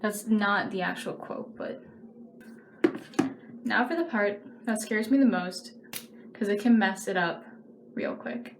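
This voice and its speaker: A young woman vlogging casually while doing her makeup, rambling with quick self-mocking asides. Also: mid-range voice. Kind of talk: rambling makeup vlog chat. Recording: echoey room with faint noise.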